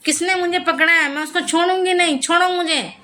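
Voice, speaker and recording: A woman's voice: extremely high pitch, fairly even intonation, brisk, bright, forceful tone, pitched above the performer's own voice. A woman voicing a possessed village aunt who threatens in a nasal, menacing voice.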